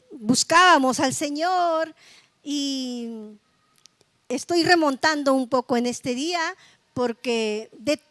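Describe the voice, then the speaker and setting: A woman's voice: high-pitched, a bit bright, dry recording. A middle-aged woman pastor giving a sermon with personal testimony, speaking conversationally and often adding tag questions.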